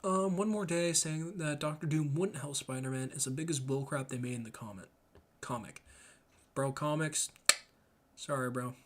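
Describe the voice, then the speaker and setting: A young man chatting casually and emphatically in slang, thinking out loud as he rambles through his opinions. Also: a little high, moderate pace, slight background noise. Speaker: solo commentator reading and reacting to comments. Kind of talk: casual rambling chat about comics and anime.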